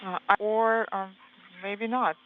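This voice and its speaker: Crackly space radio transmission, terse procedural callouts, halting with fillers, tinny narrow band, faint hiss. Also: mid-range voice, little pitch movement. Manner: halting, with many fillers between short commands. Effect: crackly space-to-ground radio transmission. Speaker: spacewalk interpreter on the radio loop.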